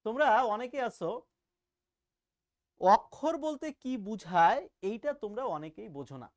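A man teaches grammar to students online, keeping it chatty and teasing. He throws rhetorical questions at the class and stretches out each example word slowly so it can be heard clearly. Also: high voice, sing-song. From Bangladesh. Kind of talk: casual online grammar lesson.

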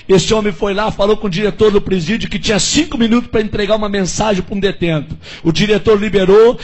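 A man from Brazil, a pastor telling a story in a sermon, his delivery dramatic, dropping to a hush and rising to shouts. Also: sits high, breathy edge. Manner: dramatic, swings from hushed to shouting.

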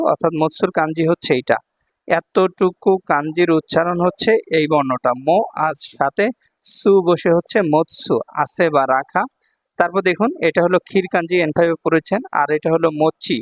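A man teaching Japanese kanji from slides, patient and repetitive, often checking in with his students. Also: a little high. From Bangladesh. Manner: patient, repeats words, asks "ঠিক আছে?". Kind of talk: explaining kanji lesson.

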